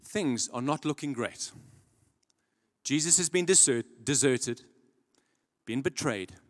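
A man's voice: medium pitch, expressive, slow pace. Storytelling male preacher in a reverberant church. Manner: storytelling, rhetorical questions. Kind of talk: sermon. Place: church auditorium. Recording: long reverb of a large church hall.

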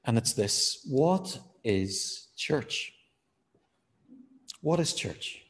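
A man delivers a sermon in a church, speaking at a mid pitch. He pauses with fillers and draws out key words for emphasis. His voice rings with the long reverb of the hall. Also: animated. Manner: measured preaching with fillers, slowing to stress key words. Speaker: preacher.

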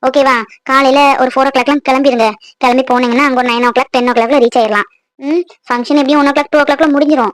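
A practical middle-aged mother in a cartoon, calmly giving her son instructions, voiced by a woman. Her voice sits high, and the recording is dry and close. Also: fast talker, dry recording, natural voice. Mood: instructing. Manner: calm, instructing.

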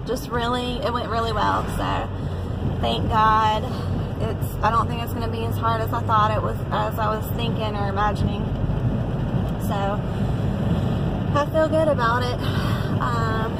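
Young woman vlogging from her car, gravelly, rambling, heavy road noise. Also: a little high. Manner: chatty, rambling, upbeat, many fillers. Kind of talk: casual chat to camera.

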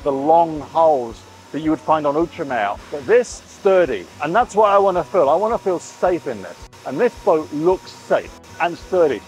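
Speaking a little high, this forties-aged vlog host leads an emphatic, enthusiastic tour to camera through a boat being built and a big boatyard shed, often repeating himself. The sound, picked up by a clip-on lapel mic, is poor.

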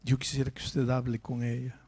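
A remorseful young husband, quiet, broken and pleading through tears, as a preacher voices him in a sermon. The voice stays low and subdued. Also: male voice, monotone, brisk, husky.

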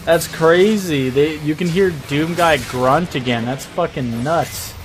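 A young man giving an excited, rowdy live reaction as a streamer, swearing freely in awestruck, drawn-out exclamations, party-animal style. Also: fairly high pitch. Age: young adult. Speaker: streamer reacting to a game showcase. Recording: clear game noise behind voice. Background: game sound and showcase audio.

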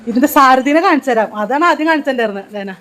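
A woman's voice: high-pitched, lively intonation, very fast, fairly bright tone. A woman with a Thrissur Malayalam accent chatting and coaxing elders in an old age home. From Kerala. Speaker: vlogger. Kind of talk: casual vlog chat.

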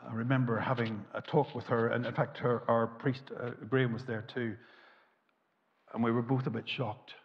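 A man, preaching a sermon from a lectern, gesturing widely and swinging from emphatic peaks to quiet asides. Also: medium pitch, flat delivery, moderate pace. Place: church hall with a lit tree behind a lectern. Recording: muffled, with long hall reverb.

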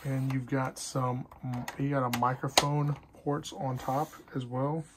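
A man demos a sale item at a table indoors in an unhurried, casual way, his medium-pitched voice showing little pitch movement. He rambles loosely, abandoning and restarting sentences. It's shot on a phone camera, with background noise from radio and tape music.

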